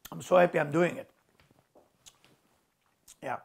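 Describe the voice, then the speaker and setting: A middle-aged spiritual teacher, Hebrew his first language, delivers an earnest motivational talk, emphatically repeating key words in non-native phrasing. His voice is fairly high, gravelly, and unhurried.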